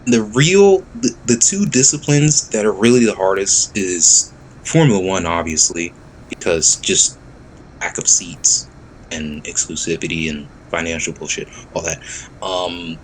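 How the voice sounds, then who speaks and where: A young man co-hosting a casual chat, excitable and quick to laugh, swearing freely and slipping into mock voices. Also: low-pitched, a little hiss or hum. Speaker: podcast co-host.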